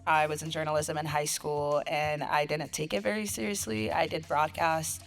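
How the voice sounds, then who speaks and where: A young woman guest journalist chatting in an interview, soft-spoken with a clear, radio-ready way of talking. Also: deep voice, steady tone, moderate pace, faint music behind. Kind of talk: casual interview chat.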